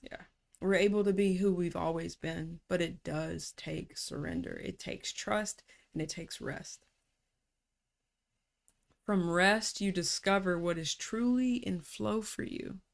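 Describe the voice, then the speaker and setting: A woman coach giving a calm, reflective talk on rest and trust, unhurried and slipping into casual slang. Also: lowish voice, gravelly. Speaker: personality typology coach.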